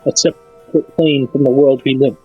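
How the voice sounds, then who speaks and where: A man's voice: medium pitch, fairly even intonation, moderate pace, warm tone, husky, soft background music. A man reading game dialogue aloud over a voice call, his voice muffled as if heard through a wall. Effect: muffled, as if through a wall or a sheet. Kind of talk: reading game lines aloud, deliberate and formal. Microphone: online voice call. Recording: muffled, dull voice-chat audio.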